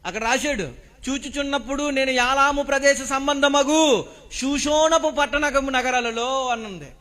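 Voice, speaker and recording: A man delivers a sermon in a church hall, his voice pitched very high. His tone is bright and forceful. He keeps putting questions to the congregation and presses them to shout their answers back. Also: fairly even intonation, normal speed. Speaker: preacher. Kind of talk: Telugu sermon with call-and-response questions to the congregation.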